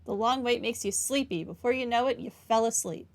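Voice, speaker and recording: A woman with a somewhat high voice talks a little fast while hosting a video game playthrough. She reads dialogue aloud and offers casual commentary sprinkled with wry, sarcastic asides.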